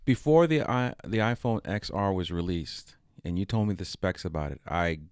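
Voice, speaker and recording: A middle-aged man co-hosting a casual podcast, animated and joking, often restarting his sentences. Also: low-pitched, normal speed, smooth, dry recording, clean studio sound. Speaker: podcast co-host. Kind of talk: casual chat.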